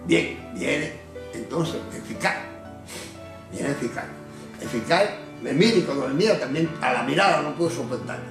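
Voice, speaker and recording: A man with a Cuban Spanish accent giving a personal testimony, telling his story in an animated way and acting out the voices of others. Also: on the high side, moderate pace, echoey room, music in the background. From Cuba. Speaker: former prisoner giving testimony.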